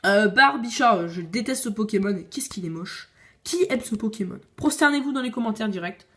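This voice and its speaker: A woman's voice: mid-range voice, lively intonation, a little fast, a bit bright. A woman casually showing her card collection on video, chatty and opinionated, with frequent hesitations. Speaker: video creator.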